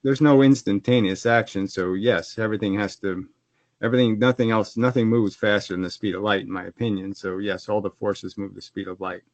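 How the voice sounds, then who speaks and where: A man on a video call explaining his own physics model in casual speech, often restarting his sentences and growing animated when challenged. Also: fairly low pitch, brisk, no echo. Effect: heard over a video call. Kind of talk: conversational explaining. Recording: dull, dry video call audio.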